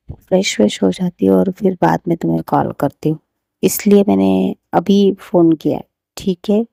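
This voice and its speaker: Lady narrator doing a chill businesswoman wife, soothing and teasing, mellow gravelly voice. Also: mid-range voice, dry recording. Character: calm busy businesswoman, teasing loving wife.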